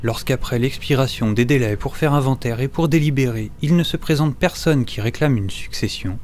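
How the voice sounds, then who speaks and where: Here the clerk's story continues in first person: a medium-pitched, darkish, natural voice at normal speed, with measured and wry narration, while in dialogue he turns hesitant and stammering. A little hiss or hum sits under this French audio drama.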